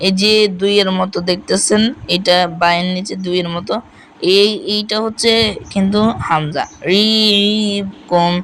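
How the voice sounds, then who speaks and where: A man teaching Quran recitation, spelling out letters and vowel marks, then reciting each word slowly and repeating it. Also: high voice, fairly even intonation, fairly bright tone, a little hiss or hum, poor audio. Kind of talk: step-by-step recitation lesson.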